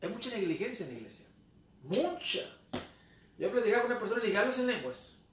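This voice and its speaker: A male pastor preaching a sermon, posing rhetorical questions and swinging suddenly from soft to loud. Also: sits high, sing-song, fast. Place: church sanctuary. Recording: echoey church room, mic far off, faint background noise.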